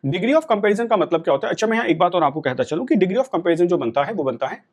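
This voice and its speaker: A man's voice: high-pitched, animated, quick pace. A middle-aged man with an Indian accent, giving a classroom lecture as a teacher, explaining patiently and checking in with the students often.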